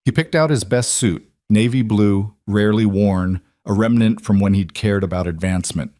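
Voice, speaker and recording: A man narrates a drama story in a measured, even way. His voice sits on the low side and the sound is dry and close. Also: dry recording.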